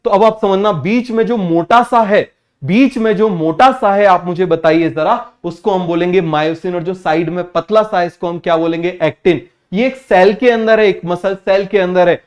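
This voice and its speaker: A young man teaching biology, constantly asking students whether it is clear and having them repeat terms. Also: high-pitched, normal speed. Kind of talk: online exam-prep class.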